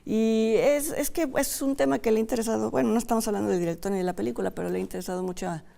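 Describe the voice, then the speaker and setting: A woman's voice: a little high, fairly even intonation, rapid-fire, vocal fry, dark tone. A middle-aged woman from Mexico co-hosting a film talk show, talking in a thoughtful, conversational way. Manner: thoughtful, conversational, many fillers. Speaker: film critic co-host. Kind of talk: casual conversation about film.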